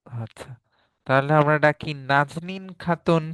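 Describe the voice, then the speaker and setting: A man's voice: on the high side, a little slow, fairly bright tone, smooth. Bangladeshi guy teaching an english class online, patient, keeps checking everyone follows. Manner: explains patiently, often asks "তাই না?".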